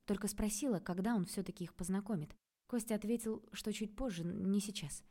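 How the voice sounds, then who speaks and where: A woman reading a novel aloud as narrator in a calm, measured way. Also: mid-range voice. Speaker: audiobook narrator. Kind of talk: scripted narration.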